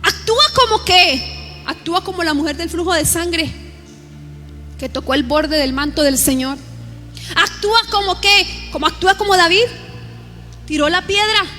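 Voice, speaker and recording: A woman pastor delivers an impassioned sermon in a very high voice with a bright, forceful edge. She drives her points home with repeated rhetorical questions. Soft music plays faintly behind her. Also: lively intonation, moderate pace, long pauses.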